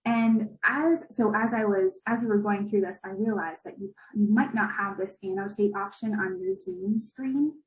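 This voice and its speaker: A woman's voice: medium pitch, moderate pace, hardly any pauses, echoey room, low-quality recording. A young woman in her twenties giving an online presentation, chatty and informal, often adding "right?". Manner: conversational, with many fillers and "right?" tags. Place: video call.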